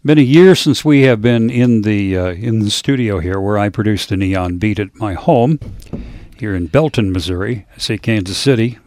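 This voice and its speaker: A man's voice: fairly low pitch, normal speed, a little mellow, dry recording. A man, hosting a casual chat in his home studio with dry joking banter. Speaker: radio host and producer.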